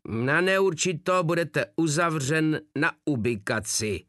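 A man's voice: fairly high pitch, expressive, bright, forceful tone, no echo, studio quality, pitched above the performer's own voice. A man voicing a pompous Prussian army captain who shrieks orders and loses his temper. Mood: furious. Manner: shrieking, losing control.

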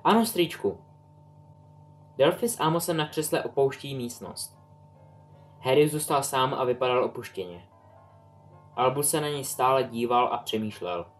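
A man reading an audiobook, narrating in a measured, even way. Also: mid-range voice. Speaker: audiobook reader. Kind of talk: scripted narration.

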